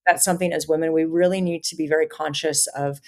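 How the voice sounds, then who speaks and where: Speaking quickly in a low, steady tone, a fifty-something woman chats casually as a guest on a podcast interview. Her earnest thoughts run on at length.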